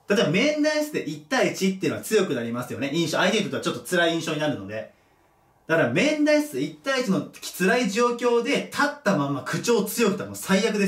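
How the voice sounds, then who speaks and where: A man's voice: high voice, fairly bright tone. A male teacher giving a casual lecture, thinking aloud and correcting himself as he goes. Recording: echoey room, mic at a distance.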